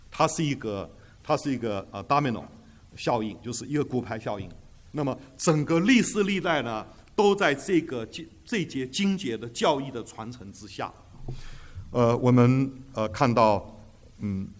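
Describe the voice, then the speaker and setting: A man teaching a Bible class, emphatic, asking rhetorical questions and hesitating often with fillers, dropping English terms into his talk. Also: medium pitch. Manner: drops English terms into speech.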